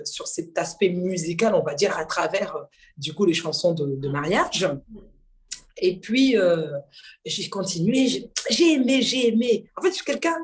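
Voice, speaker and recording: Lively storytelling woman from Mayotte. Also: on the low side. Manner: lively, laughing, acts out dialogue. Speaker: guest singer. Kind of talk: casual storytelling interview.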